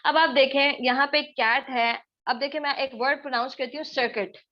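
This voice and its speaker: A woman's voice: high voice, fairly even intonation, normal speed. A young woman teaching spoken English in an online class, short of breath, mixing English into her explanations and repeating points for emphasis. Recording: dull lo-fi online class audio.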